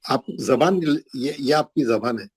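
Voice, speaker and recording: A middle-aged man teaching Quran pronunciation in an online class, patiently repeating each sound slowly for his pupils. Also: mid-range voice, animated, breathy edge, rough recording. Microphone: video call.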